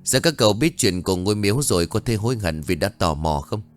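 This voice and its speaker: Male narrator doing a scared grandfather, anxious, pleading, hurried, pitch all over the place. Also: expressive, faint music behind, lightly acted. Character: frightened older man, anxious grandfather.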